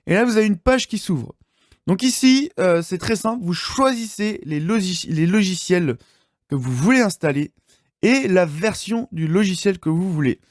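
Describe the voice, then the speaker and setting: A man hosting a casual screen-recorded software tutorial, talking with lots of fillers and self-corrections. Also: sits high, lively intonation, moderate pace, no echo, studio quality. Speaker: tutorial channel host.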